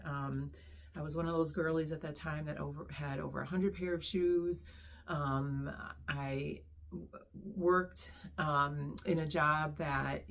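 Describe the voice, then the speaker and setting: A middle-aged woman, hoarse after losing her voice, chatting casually as she introduces her reselling channel with many pauses and ums. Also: low voice. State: hoarse, recovering lost voice. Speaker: online reseller, channel host.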